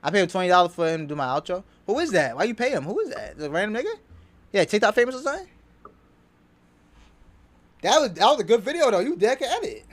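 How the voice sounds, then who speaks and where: A male streamer giving excitable reaction commentary, repeating himself emphatically, his voice going hoarse from shouting. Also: high voice, fast, pauses often.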